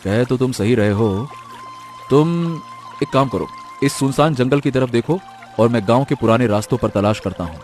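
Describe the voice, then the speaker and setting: A man's voice: medium pitch, expressive, moderate pace, a little mellow, faint music behind, close to an everyday voice. A man voicing a helpful young friend in a cartoon, earnest and advising.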